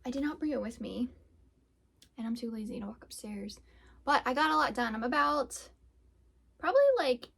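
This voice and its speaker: A young woman with a somewhat high voice and a crackly, fried edge chats casually on her crafting podcast. She rambles easily, full of "like" and "um", as she talks through her projects. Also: moderate pace, vocal fry, pauses often, fairly bright tone, breathy edge. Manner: chatty, rambling with many fillers. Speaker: podcast host and yarn dyer. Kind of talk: casual chat.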